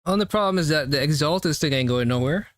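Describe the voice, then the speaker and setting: A man's voice: on the high side, expressive, fast talker, no room sound. Blunt man commenting over a game, dry mic. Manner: blunt, crude, profane. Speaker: streamer reacting to a game story. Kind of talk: casual live commentary. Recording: dry mic, faint game music behind. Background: game music and dialogue.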